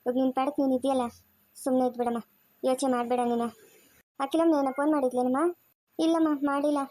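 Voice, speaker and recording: A woman with a high voice and a Chikkaballapur Kannada accent plays out a homemade family drama. She rattles off fast, scolding village talk. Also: level tone, warm tone. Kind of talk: amateur family drama acting.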